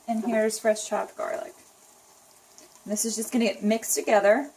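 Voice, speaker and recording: A home cook with a mid-range voice chats casually through a recipe demo in her kitchen, talking through every step. The recording is rough, with a sizzling pan and the sounds of frying and stirring in the background.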